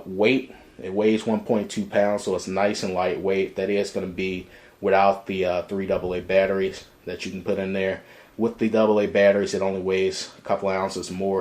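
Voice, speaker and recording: A man with a deep, slightly mellow voice, working as a product reviewer, gives a casual step-by-step demonstration of a product, explaining as he goes. He's recorded indoors in a room.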